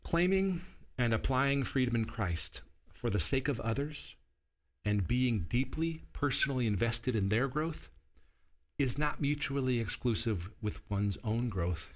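A pastor in his forties delivers a sermon in a mid-range voice, speaking a little slowly. Seated at a table on a small studio set with the camera at medium distance, he explains verses in an earnest teaching tone and checks in with his listeners.

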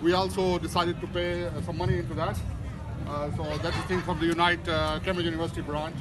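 A middle-aged man giving an emphatic political rally speech in halting, repetitive phrases with non-native English wording, recorded outdoors. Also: fairly high pitch, flat delivery. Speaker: union branch activist, rally speaker. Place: outdoors on steps of a large stone building. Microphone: camera or phone a few metres away. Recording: outdoor street noise, handheld camera recording.

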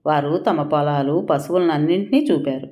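A woman reads an audio story aloud with a notably low, deep voice. Her delivery is steady and measured, moving calmly through the narration.

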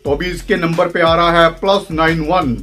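A man's voice: fairly high pitch, steady tone, moderate pace, bright, forceful tone, soft background music. A young Indian man hosting a phone-call vlog, brash, taunting and impatient, with an Indian accent. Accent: Indian Hindi. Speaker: wrestling channel host.

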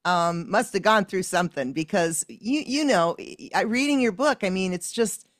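A woman's voice: mid-range voice, animated, normal speed, no room sound, clean studio sound. A woman hosting an interview, chatting casually and telling her own pet anecdotes with fillers. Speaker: interview host.

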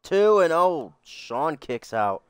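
A man calling play-by-play like a wrestling commentator, with dramatic, excitable calls and casual asides. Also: a little high, slow pace, clear, resonant tone, no room sound, studio quality. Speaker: video game player commentating on a wrestling match.

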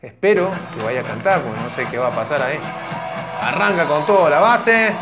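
Chatty high-voiced man. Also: animated, fairly quick. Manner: chatty, thinks aloud with fillers and restarts. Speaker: reaction video host. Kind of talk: casual commentary over a concert clip. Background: music from the video.

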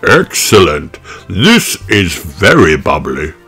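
Man doing a jolly, drawn-out old Santa Claus. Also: low voice, wildly swooping pitch, sharp tone, slightly rough, faint music behind, exaggerated voice. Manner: hearty, deliberate, drawn-out delivery.

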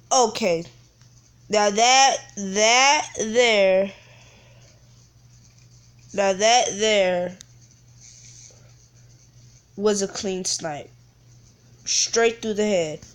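A woman streaming a shooting game, giving slangy casual commentary broken up by gasps and squeals. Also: medium pitch.

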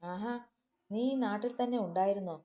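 A woman narrator reads a bullying husband, contemptuous and threatening. The voice stays mellow and close to her own. It is a male role in a storybook. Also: medium pitch, fairly even intonation, a little fast, lightly acted. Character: angry, domineering abusive husband.

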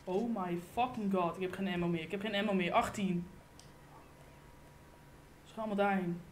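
A woman giving live gameplay commentary on her gaming channel, excitable and cursing, with sudden loud outbursts, recorded on a desk condenser mic. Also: mid-range voice, moderate pace, slight background noise.

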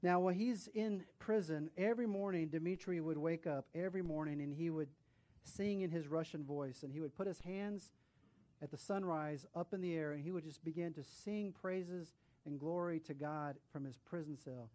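A male pastor preaching and telling a story, animated, with hushed drops at solemn moments. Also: on the high side, moderate pace. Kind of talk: sermon storytelling.

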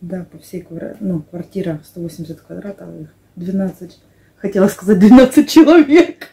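A woman's voice: on the low side, normal speed, vocal fry, dark tone. A middle-aged woman chatting casually with a friend, telling things playfully with little sound effects and made-up words. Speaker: vlog co-host, works as a house cleaner. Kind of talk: casual chat with a close friend. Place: small wood-panelled living room, indoors. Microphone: camera across the table.

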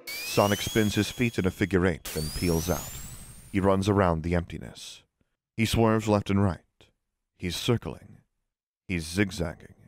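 A man narrating the scene directions of an audio drama in a plain, measured reading. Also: low voice, no room sound. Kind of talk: scripted narration of stage directions.

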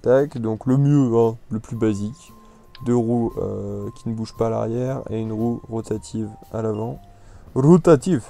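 A man's voice: lowish voice, fairly even intonation, moderate pace, creaky. A man giving casual, rambling commentary on a video game, full of hesitations and restarts. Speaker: gameplay commentator. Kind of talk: casual let's-play commentary. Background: soft background music.

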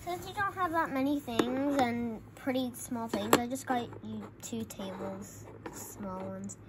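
Casting: chatty female toy-play host, slightly high voice, unhurried, informal, heavily noisy phone recording. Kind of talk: casual improvised pretend play with toy pets. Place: indoors at home, on a carpeted floor. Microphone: handheld phone camera. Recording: very noisy handheld home recording with clicks.

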